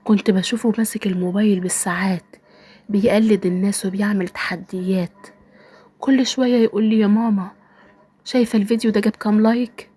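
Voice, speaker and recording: A woman with an Egyptian Arabic accent telling a first-person dramatic story in a soft, sorrowful, often half-whispered way. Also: medium pitch, steady tone, fast, husky, no room sound.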